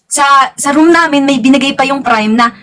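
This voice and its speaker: A young woman vlogger telling a story in casual chat, animated and gushing, with drawn-out exclamations and giggles. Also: sits high.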